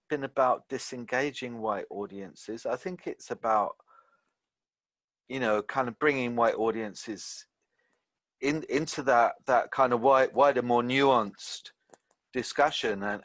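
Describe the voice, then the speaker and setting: Slow hesitant man on a panel. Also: mid-range voice, fairly bright tone, dry recording. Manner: hesitant, many fillers and restarts. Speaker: panel guest. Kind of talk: online panel discussion. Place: home, online video call.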